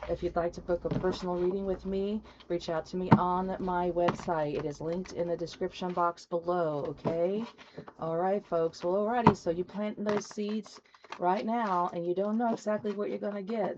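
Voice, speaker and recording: A woman's voice: fairly low pitch, a little mellow, lo-fi sound, a little hiss or hum. A woman giving a rambling, folksy spiritual tarot reading to her viewers. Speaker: tarot reader. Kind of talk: casual spoken tarot reading.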